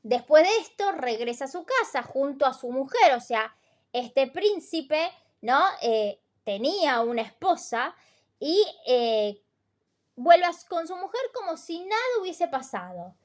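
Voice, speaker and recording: A woman's voice: sits high, sing-song, unhurried. A woman co-hosting a podcast, retelling stories in a conversational way with many fillers and tag questions. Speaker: podcast co-host. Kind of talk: casual podcast chat.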